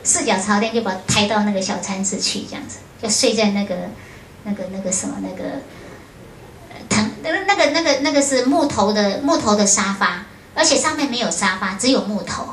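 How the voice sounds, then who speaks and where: A Buddhist nun gives a storytelling lecture to an audience. She tells her story in a lively way and often uses short filler words. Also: medium pitch, fairly quick, slight background noise. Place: lecture room at a foundation. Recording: roomy hall with faint ambience.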